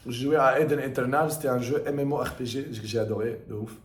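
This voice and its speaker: Speaking quickly in a steady, mid-range voice, a young man reminisces about gaming in a casual, rambling chat from an echoey room. He's a non-native French speaker who learned through video games, and he comes across as enthusiastic and slangy, repeating himself emphatically.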